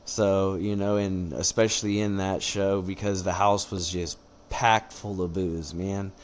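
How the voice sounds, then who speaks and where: A man talking casually as a podcast guest, explaining things in a measured, rambling way. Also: deep voice, flat delivery, a little hiss or hum. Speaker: interview guest, combat sport competitor. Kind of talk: casual podcast interview chat.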